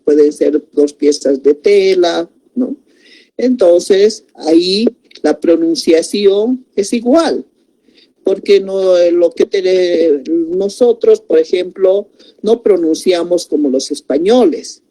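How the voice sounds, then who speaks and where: A woman explains spelling in a slow lesson, repeating words and checking in with tag questions. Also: fairly low pitch, dark tone. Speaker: teacher.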